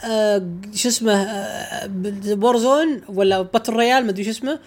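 A man's voice: sits high, normal speed. A man co-hosting a casual gaming chat, ranting in an exasperated, emphatic way. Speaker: gaming podcast co-host.

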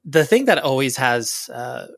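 Male podcast host from California; thoughtful winding questions, dry studio sound, mid pitch. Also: sing-song, a little slow, gravelly, a bit bright, dry recording. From California, USA. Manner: articulate, long winding questions. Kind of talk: casual interview chat.

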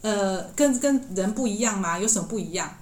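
A woman voicing a clever, caring female fox spirit in a soft, hushed voice, in an echoey room. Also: mid-range voice, expressive, fairly quick, close to an everyday voice. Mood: questioning.

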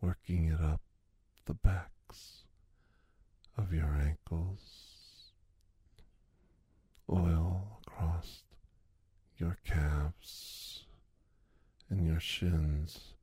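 Slow, dark-voiced man murmuring softly. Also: fairly even intonation, husky, no echo. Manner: slow, soft, lingering delivery with long pauses; drifts between low voice and whisper. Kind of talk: intimate ASMR roleplay.

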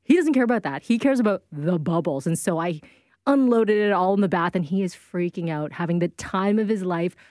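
A woman in her thirties co-hosting a podcast, telling stories in a lively casual chat. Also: fairly low pitch, brisk, no room sound, clean studio sound. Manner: animated storyteller, acts out voices. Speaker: podcast co-host.

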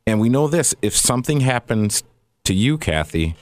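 A man, a financial planner on a radio show, giving steady advice. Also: mid-range voice, normal speed, no room sound. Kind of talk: explanatory radio talk.

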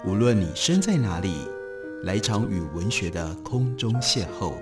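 Low male radio announcer over loud music. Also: animated, normal speed. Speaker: programme intro announcer. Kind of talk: scripted radio programme intro.

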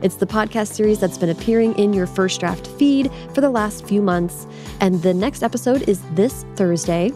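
A woman's voice: medium pitch, moderate pace, dark tone. Chatty woman podcast host over music. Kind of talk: podcast interview. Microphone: video call.

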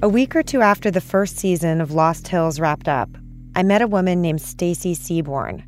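Low-voiced woman podcast host. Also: soft background music. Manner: measured, calm storytelling. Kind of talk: scripted narration.

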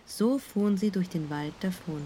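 A woman narrating a fairy tale in a calm, measured storytelling manner. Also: on the low side, a little hiss or hum.

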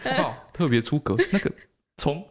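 A man's voice: fairly high pitch, sing-song, moderate pace. A man casually chatting as a podcast co-host, retelling a book in a playful, teasing way. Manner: playful storytelling, jokey teasing. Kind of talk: casual chat.

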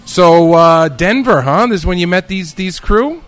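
A man's voice: high voice, lively intonation, measured pace. A man with a New York accent hosting a podcast with playful, chatty, theatrical banter. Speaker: podcast host.

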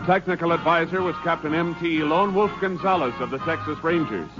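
A man announcing a 1950s radio drama in a formal, measured, crisp delivery. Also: a little high. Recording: dull old radio transcription with music.

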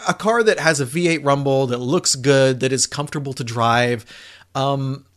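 A man's voice: medium pitch, moderate pace, fairly bright tone. A man co-hosting a podcast, talking casually about cars with enthusiasm and frequent restarts. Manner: enthusiastic, rambling with restarts and fillers. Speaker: car reviewer, podcast co-host.

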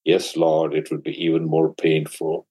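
A man's voice: rumbling low, monotone, moderate pace, dark tone, breathy edge, pitched below the performer's own voice. A man voicing Ananda, a humble young male disciple who answers meekly and deferentially. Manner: meek, deferential replies.

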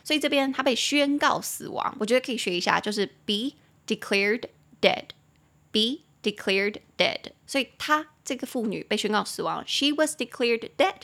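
A young Taiwanese woman hosting a casual English lesson podcast, chatty and laughing often, slowing down to repeat and spell English words. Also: a little high, lively intonation, a bit bright. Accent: Taiwanese Mandarin. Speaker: English teacher and podcast host.

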